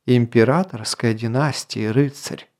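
A solemn elf sage with a mellow, dark-toned voice, measured and commanding, as the narrator of an audiobook puts him on. He speaks with calm weight and a lifted pitch. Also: lightly acted. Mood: persuasive.

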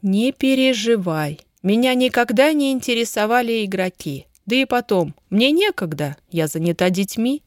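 A woman voicing a playful young wife in a raised, lively, teasing tone. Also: fairly high pitch, normal speed, few pauses, no echo, studio quality, close to an everyday voice.

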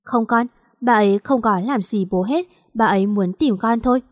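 A woman voicing a gentle, worried older father in an audio story, speaking with concern. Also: fairly high pitch, moderate pace, no room sound, studio quality, close to an everyday voice.

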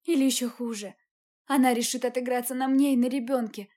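A woman's voice: fairly high pitch, fairly even intonation, fairly quick, warm tone, close to an everyday voice. A woman voicing Katya, a frightened, tearful young woman who speaks in a strained, pleading way in an audiobook. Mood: frightened, upset.

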